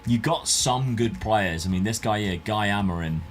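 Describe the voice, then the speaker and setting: A man with a voice on the low side hosts a football management game video, talking at a normal pace. His scripted narration and casual chat feel informal, with slight background noise present.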